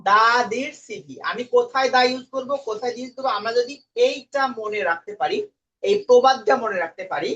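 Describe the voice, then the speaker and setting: A man's voice: high voice, a bit bright. Male teacher, lo-fi sound. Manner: quizzes students, mixes English words into his talk. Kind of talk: classroom English lesson. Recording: dull lo-fi recording.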